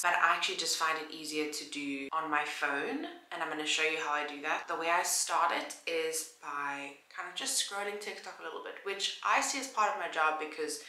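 A woman's voice: deep voice, bright, forceful tone. A young South African woman chatting casually to her phone camera in a vlog, playful and laughing at herself, sometimes dropping to a near-whisper. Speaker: vlogger. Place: room at home, indoors. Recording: echoey room.

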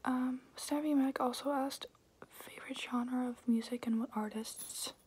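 A young adult woman whispering softly and close up in a hesitant, rambling, casual ASMR question-and-answer style. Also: high voice, fairly even intonation, a little slow, slight background noise. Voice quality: breathy, unvoiced whisper. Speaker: ASMR video creator. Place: small room indoors, at home.

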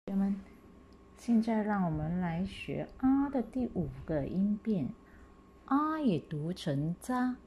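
A woman teacher from Malaysia, reading example words slowly and clearly for pupils to repeat. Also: medium pitch, very animated, warm tone, slight background noise. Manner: slow, drawn-out model reading for pupils to repeat. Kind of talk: slow classroom pinyin lesson.

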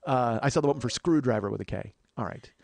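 With a little hiss or hum in the background, a middle-aged man hosts a comedy podcast, talking casually and profanely in a rambling comic monologue that he keeps interrupting with digressions as he gets worked up. His mid-range voice is quick-paced and has vocal fry.

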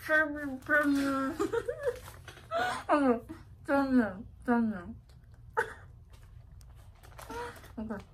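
A woman's voice: high voice, fairly even intonation, slow pace, pauses often, fairly bright tone, a little hiss or hum. A young woman in a challenge video, her speech muffled because her mouth is full. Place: small bedroom, indoors.

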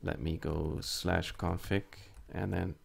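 Low gravelly man explaining a tech demo. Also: flat delivery, takes it slowly. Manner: casual step-by-step explaining with fillers. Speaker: network tutorial presenter. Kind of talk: screen-recorded tech tutorial.

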